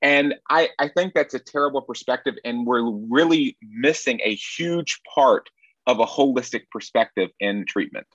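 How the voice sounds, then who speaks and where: This sex therapist guest, a man from Nashville, Tennessee, responds conversationally in a reflective, wry, earnest manner. His mid-range voice is fairly bright and moves at a moderate pace, recorded lo-fi with no echo.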